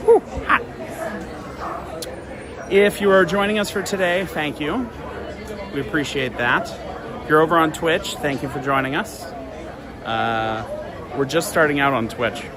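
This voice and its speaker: A man's voice: on the high side, normal speed. A man hosting a livestream with casual, playful chat, recorded live in a busy public place. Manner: playful, chatty. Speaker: livestream host. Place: busy theme park queue. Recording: busy public crowd noise, live outdoors. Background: loud crowd.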